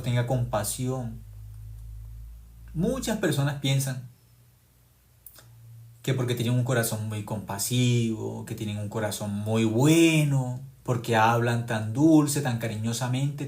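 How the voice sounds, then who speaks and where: Give me a man preaching with dramatic swings between loud emphasis and hushed delivery. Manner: emphatic, swings from loud rising stresses to hushed low tones, drawn-out key words. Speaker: pastor. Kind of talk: sermon.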